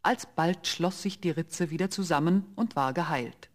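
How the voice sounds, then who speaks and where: A man giving scripted fairy-tale narration in an even storytelling voice. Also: a little high, moderate pace.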